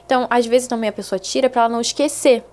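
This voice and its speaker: A woman's voice: a little high, rapid-fire. A young adult woman, telling stories as a guest in a casual podcast chat and acting out the voices she quotes. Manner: animated, acts out quoted voices.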